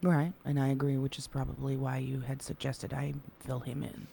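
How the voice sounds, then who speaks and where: A man in an in-character roleplay conversation, speaking in a measured way and sometimes dropping to a hushed whisper. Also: medium pitch, monotone, vocal fry, slight background noise. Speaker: roleplay player.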